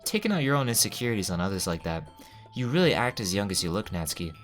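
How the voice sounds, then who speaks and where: A man's voice: on the low side, big pitch swings, quick pace, soft background music. A man reading as a cold, reserved schoolgirl. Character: reserved, cutting teenage girl.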